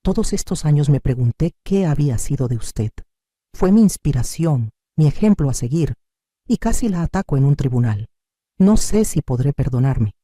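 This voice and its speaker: A remorseful male lawyer speaks with respect and earnest humility, as a woman narrator puts him on. His voice is mellow, and his pitch rises and falls in a lively way. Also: moderate pace, no echo, clean studio sound. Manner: deferential, earnest.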